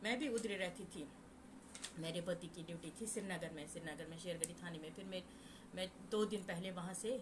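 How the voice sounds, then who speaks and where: Kashmiri-born woman guest, halting testimony with restarts, noisy live-stream sound. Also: fairly low pitch. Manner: repeats and restarts phrases. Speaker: guest recounting a massacre.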